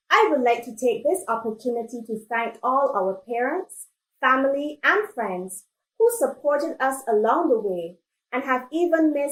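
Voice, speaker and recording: A woman's voice: sits high, echoey room, low-quality recording. A woman from Barbados, the graduating class speaker, reading a formal speech of thanks.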